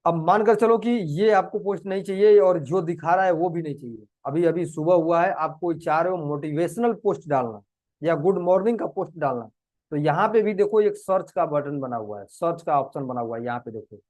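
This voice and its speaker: A man's voice: a little high, a little fast, a little mellow, no echo. A man teaching a live digital marketing class, explaining earnestly and repeating each step as he goes. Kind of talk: live screen-share class.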